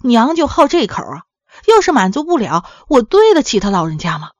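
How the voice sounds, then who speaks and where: A woman's voice: fairly low pitch, animated, normal speed, slightly rough, no echo, pitched below the performer's own voice. A woman voicing an eager, devoted middle-aged son who coaxes his old mother, in a storybook tale. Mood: anxious.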